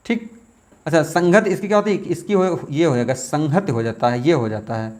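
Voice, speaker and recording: A man teaching, working through exam questions aloud, repeating words slowly as he thinks aloud. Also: fairly high pitch, a little mellow. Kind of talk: test question walkthrough.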